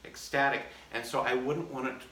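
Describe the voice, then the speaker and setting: A man's voice: medium pitch, fairly even intonation, moderate pace. Man explaining practice methods in an echoey room. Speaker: orchestra concertmaster. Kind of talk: casual practice demonstration. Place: practice room, filmed on a phone. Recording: echoey room, mic at a distance.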